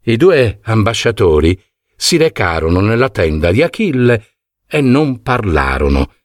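A man narrating an epic tale as a storyteller, with a dramatic, expressive reading. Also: fairly low pitch, no echo, clean studio sound.

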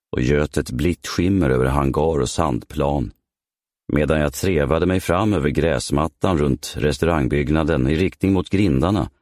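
A man reads a novel aloud in a measured, steady way. His voice is extremely deep, and the recording is close and dry, with no room around it. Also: no room sound. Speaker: narrator. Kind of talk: audiobook reading of a crime novel. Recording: dry close studio sound.

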